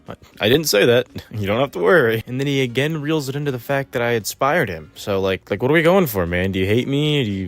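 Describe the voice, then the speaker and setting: A man with a fairly low voice talks through a commentary video in a loose, chatty way. He swears freely and lets out short laughs between his lines. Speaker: commentary YouTuber. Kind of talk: casual commentary.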